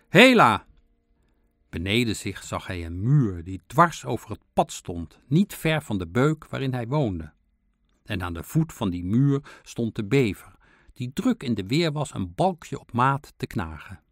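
A man reads a children's animal story aloud in a calm, expressive way, his mid-range voice rising and falling with lively melody. The sound is dry and close, with no room around it. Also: mid-range voice, measured pace, no echo. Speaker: narrator. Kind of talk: storybook reading.

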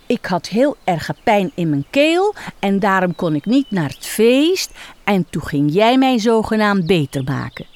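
A woman voicing a whiny little boy clown who pretends to be sick, crying out loudly in pain. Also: big pitch swings, unhurried. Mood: cheerful. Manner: wailing, high and loud cries.

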